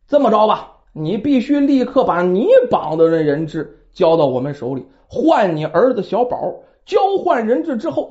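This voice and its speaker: A woman's voice: mid-range voice, warm tone. Wary rival kidnapper, done by a woman narrator, curt and bossy; dull audio.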